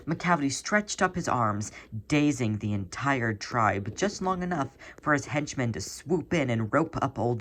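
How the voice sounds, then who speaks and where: Someone with a mid-pitched voice reads fan fiction aloud as scripted narration. The storytelling is expressive and dramatic.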